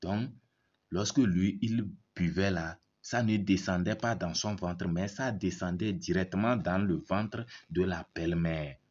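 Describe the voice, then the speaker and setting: A man with a very low voice teaches a language lesson at an unhurried pace, repeating words and checking in with his listeners. The recording is dull and lo-fi. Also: a little mellow. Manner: slow, repeats words, asks "c'est bon?". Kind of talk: reading lesson, explaining a story.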